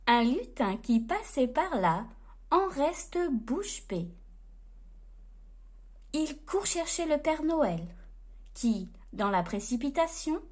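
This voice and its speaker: A woman storyteller reading a children's bedtime story aloud in a gentle, expressive way. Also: high-pitched.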